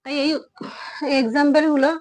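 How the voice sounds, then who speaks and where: A woman's voice: high-pitched, fairly even intonation, normal speed, darkish tone, rough recording. A woman teaching a children's English grammar lesson, patiently repeating words and sounding out each vowel. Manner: patient, explanatory.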